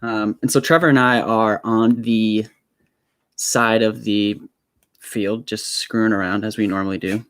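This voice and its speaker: A man's voice: on the low side, steady tone, measured pace, fairly bright tone, clear, resonant tone, no echo. A young man hosting his own live stream from a home room studio on a small desk microphone, telling a story in a nervous, rambling way with many fillers and restarts.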